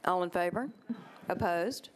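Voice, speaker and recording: A woman serving as vice mayor, chairing a council meeting in a brisk, procedural way as she reads bill titles and calls votes. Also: on the low side, a little hiss or hum.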